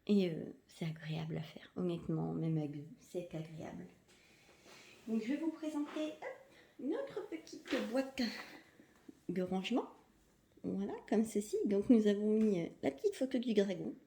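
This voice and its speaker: Woman, casual crafting vlog chat, mellow soft tone, echoey room, faint hiss. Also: medium pitch, lively intonation, measured pace, gravelly, pauses often. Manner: chatty, enthusiastic, often drops to a soft half-whisper. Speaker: crafting vlogger.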